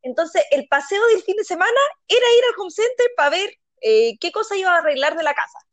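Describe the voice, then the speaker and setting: A woman with a Chilean accent, co-hosting a casual chat and telling funny family stories with lively acted-out quotes. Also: very high voice, a little fast, no echo. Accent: Chilean Spanish. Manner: animated, acts out quotes, laughs often. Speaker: podcast co-host.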